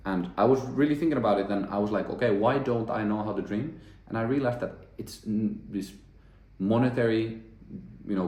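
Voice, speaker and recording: Deep-voiced man musing earnestly. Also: a little mellow. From Finland. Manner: earnest, thinking aloud with frequent restarts. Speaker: self-development vlogger. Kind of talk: reflective monologue to camera. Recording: echoey room.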